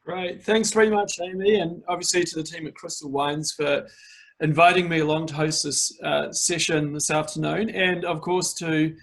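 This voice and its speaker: A New Zealand winemaker presents an online tasting over a video call, talking in a relaxed way with plenty of fillers. His voice is a little high and creaky, at a normal speed.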